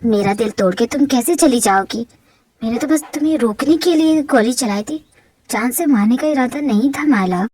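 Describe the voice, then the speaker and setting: A woman's voice: fairly high pitch, lively intonation, moderate pace, a little mellow, husky, poor audio. A woman voicing a possessive mafia husband. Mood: cold. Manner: pleading and possessive, swings to angry outbursts. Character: obsessive possessive mafia husband, young man. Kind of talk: Hindi fan-fiction audio drama.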